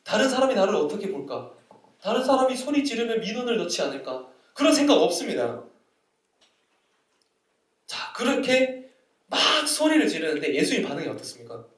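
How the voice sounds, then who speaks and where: Lively high-voiced male pastor with a sore throat. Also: a little fast, long pauses. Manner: conversational preaching with questions to the congregation. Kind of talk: sermon to a young adults' service. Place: church sanctuary. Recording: echoey church hall, mic at a distance.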